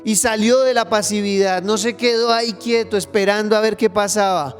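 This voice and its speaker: A man with a notably high speaking voice preaches a sermon for an online church service. He talks emphatically and reads scripture with dramatic emphasis. Soft music plays faintly behind him. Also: fairly even intonation, moderate pace. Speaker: pastor.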